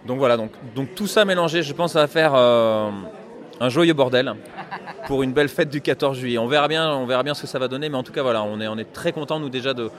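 A man, a bandleader and accordionist, talks through an interview at an easy, unhurried pace. His speech is chatty and hesitant, full of small pauses as he searches for the next thought. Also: mid-range voice. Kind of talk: casual interview answers.

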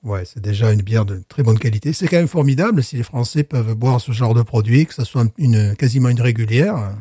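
A man's voice: medium pitch, a little fast, warm tone, slightly rough, no room sound, clean studio sound. A man chatting casually while tasting beer, joking and playing with words between hesitant fillers. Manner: jokey, wordplay, hesitant fillers. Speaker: beer taster. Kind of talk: casual chat.

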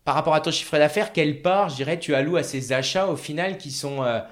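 A man's voice: fairly high pitch, fairly quick. A man hosting a business interview, asking questions hesitantly and searching for his words.

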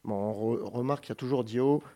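A man co-hosting a radio music show, reading long lists of names with joking asides and quick self-corrections. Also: mid-range voice, mellow. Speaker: radio co-host presenting a music segment. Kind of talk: casual radio chat.

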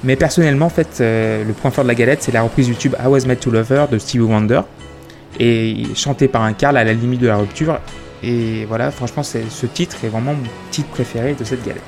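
A man's voice: medium pitch, a little fast. A man hosting a casual music chronicle, talking with frequent fillers and restarts. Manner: hesitant, many fillers and restarts. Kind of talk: casual spoken music review. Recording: music playing behind the voice.

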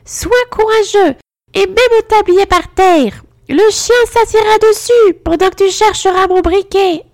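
A woman's voice: extremely high pitch, unhurried, a little mellow, pitched above the performer's own voice. A woman putting on a whiny, sly old crone. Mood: wheedling. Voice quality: whiny, slightly grating. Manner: sly and cackling. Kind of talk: storybook reading.

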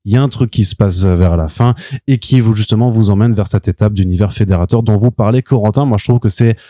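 A man's voice: fairly low pitch, fast, warm tone, no room sound, studio quality. A man co-hosting a comics podcast, talking in a casual, hesitant way full of fillers and restarts, with a slight regional French accent. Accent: non-standard French accent. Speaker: podcast co-host. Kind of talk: casual chat reviewing comics.

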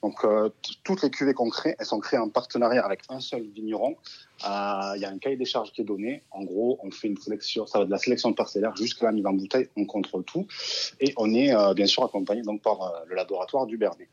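A man's voice: fairly low pitch, fast talker, husky. A man in his thirties with a southern French accent, a wine merchant talking as a guest in a radio interview, chatty and hesitant. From southern France. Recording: dull lo-fi sound.

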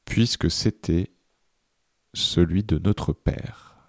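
A man reading a dictation aloud, deliberately repeating each phrase and speaking the punctuation marks. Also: sits low, vocal fry, darkish tone, no room sound, studio quality. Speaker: dictation reader.

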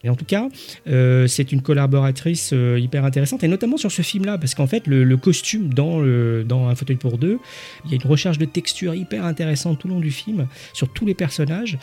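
A man co-hosting a film discussion podcast, explaining camerawork and costume design. He is informative but hesitant, and his voice is dark and mellow. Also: fairly high pitch, animated, fairly quick, breathy edge, faint music behind. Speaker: podcast co-host.

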